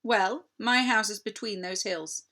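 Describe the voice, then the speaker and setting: A woman's voice: medium pitch, a little slow, bright, forceful tone. A woman voicing a queenly witch, slyly sweet and coaxing, in a commanding storybook manner. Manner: commanding, wheedling.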